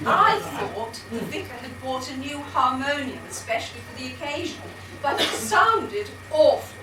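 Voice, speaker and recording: A woman's voice: sits high, very animated, a little slow. A woman playing a bossy, exasperated royal bride in broad, theatrical amateur pantomime style. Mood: scornful. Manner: imperious, theatrical, scolding. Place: hall stage, distant microphone, audience behind. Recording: echoey stage from far off, audience noise.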